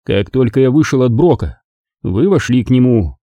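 A man's voice: medium pitch, lively intonation, moderate pace, dark tone, dry recording, highs cut off. A man reading an audiobook and voicing a blunt, persistent male detective who questions accusingly. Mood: pressing.

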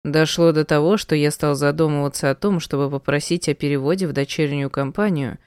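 A woman voicing a gruff, insistent man. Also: sits low, fairly even intonation, fairly quick, a little mellow, no echo, studio quality, natural voice. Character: stern man, the narrator's former lover.

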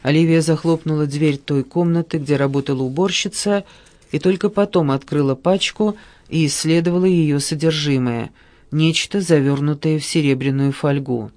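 A man narrating an audiobook in an even, measured storytelling manner. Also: fairly high pitch. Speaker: audiobook reader. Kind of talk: scripted narration.

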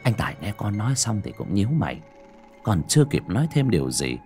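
A man's voice: lowish voice, big pitch swings, a little fast, a little mellow, soft background music. A man narrating a spooky story as an audiobook, dramatic and building suspense.

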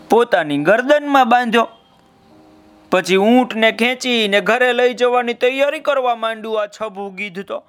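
A man telling a children's story in a folksy, drawn-out way, speaking to his listeners. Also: high-pitched, a bit bright, clean tone.

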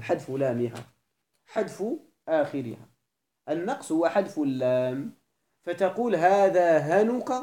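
A man with a Moroccan Arabic accent leads a grammar lesson in a dark, mellow voice. He poses questions, answers them himself and repeats each example slowly. The recording carries the echo of a roomy hall. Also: high voice.

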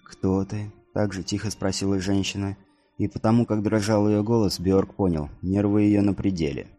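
A male audiobook narrator who tells the story at a steady, even pace. His voice is low and dark, with gentle music playing faintly beneath the reading. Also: moderate pace.

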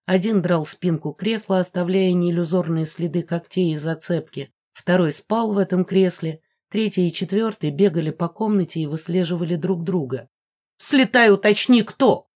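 A woman narrating an audiobook in the first person with lively, expressive storytelling. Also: on the low side, normal speed, hardly any pauses.

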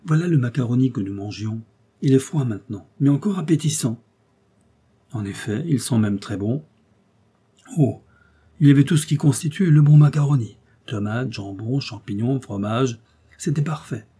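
A man's voice: mid-range voice, animated, normal speed, dark tone, breathy edge. A man voicing an earnest police detective in an audiobook, speaking in an explanatory, slightly theatrical way. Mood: lecturing. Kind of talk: audiobook character reading.

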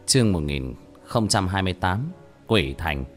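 A man narrating a fantasy novel as an audiobook, in steady storytelling that rises on action. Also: sits low, normal speed, soft background music.

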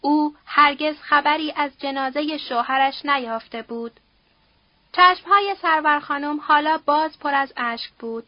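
A woman reading a novel aloud as an audiobook narrator in a steady, somber storytelling manner. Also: high-pitched, no room sound, muffled recording. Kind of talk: scripted narration.

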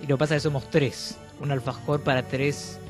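A man co-hosting a radio show, dropping ironic jokes and quick quips. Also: mid-range voice, little pitch movement, music in the background. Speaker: radio co-host. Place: radio studio.

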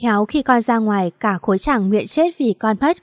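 A woman narrator voicing a caring, wealthy older mother who talks warmly and reassuringly to her daughter. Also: fairly high pitch, expressive, moderate pace, no room sound, clean studio sound, natural voice. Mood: fond.

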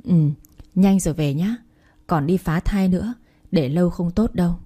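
A woman's voice: fairly low pitch, normal speed, mellow, husky. A woman doing a plain-spoken country mother. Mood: practical. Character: worried rural mother urging her daughter home.

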